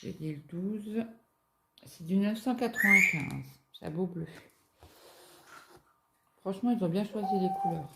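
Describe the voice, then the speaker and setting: A woman's voice: medium pitch, unhurried, creaky, pauses often. A woman casually chatting while she cross-stitches at home, telling rambling stories full of fillers. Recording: echoey room with loud background noise.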